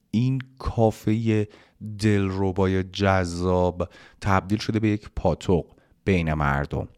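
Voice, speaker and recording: A man with a very low, deep voice gives an English lesson. He explains pronunciation patiently and drawls each English phrase slowly so learners can copy it. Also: darkish tone. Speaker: English teacher.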